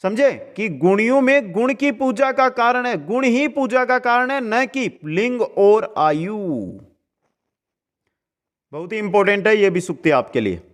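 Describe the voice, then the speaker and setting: A male teacher giving an exam-prep lesson. He chants each verse slowly, then explains it in quick asides, asks students if they understood, and calls them friends. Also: high voice, expressive. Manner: addresses students as friends, asks checking questions.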